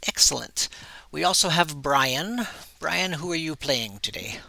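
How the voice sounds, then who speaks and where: A man hosting a tabletop game as game master, relaxed and chuckling, pausing often with "uh". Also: a little high, vocal fry, dry recording, low-quality recording. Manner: relaxed, chuckling, with frequent "uh" pauses.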